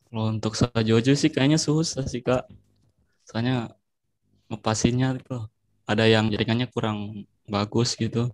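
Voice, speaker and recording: A man's voice: medium pitch, fairly even intonation, normal speed, long pauses, dry recording. A young man from Papua chatting casually on a group video call. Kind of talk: casual chat.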